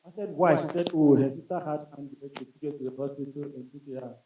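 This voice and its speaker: A man's voice: a little high, steady tone, fast, mellow, a little hiss or hum. A man doing stand-up comedy on a club stage in a chatty style, addressing the crowd as bro. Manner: conversational, addresses the audience as bro. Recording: roomy club sound from a distance.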